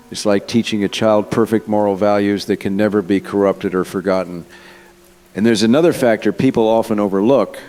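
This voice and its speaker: Playing the earnest, confident male scientist who architected an AI system, this man's voice sits on the low side with a darkish tone. Lightly acted, he answers interview questions in the audio drama as an expert, sounding assured and persuasive.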